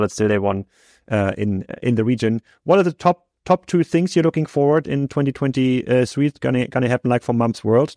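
A man's voice: medium pitch, darkish tone, dry recording, studio quality. A man hosting a podcast interview, asking long, hesitant questions full of fillers and restarts. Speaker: podcast host.

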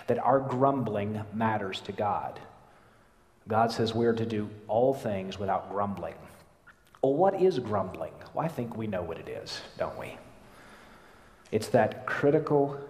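Pastor preaching in an echoey hall. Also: male voice, on the low side. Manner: emphatic preaching, rising and falling in intensity. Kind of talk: sermon. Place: large church hall. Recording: echoey church hall, roomy reverb.

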